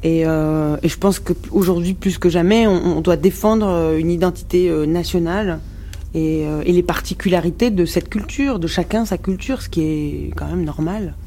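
A woman's voice: fairly low pitch, normal speed, warm tone, slight background noise. A woman from Morocco, speaking frankly as a musician guest in a radio interview, with many restarts and fillers.

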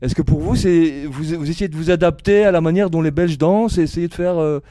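A man interviews guests for radio in a casual, improvised way. His voice is gently mellow and a bit high, recorded dry, with hesitant phrasing. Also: a little fast, dry recording. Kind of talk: casual live festival interview.

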